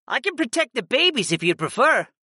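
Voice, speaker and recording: A man's voice: extremely high pitch, sing-song, a little fast, bright, forceful tone, breathy edge, no echo, clean studio sound, voice pushed up, heavily acted. A man voicing an eager, playful male cat-like monster who serves as a protective summons in an audiobook.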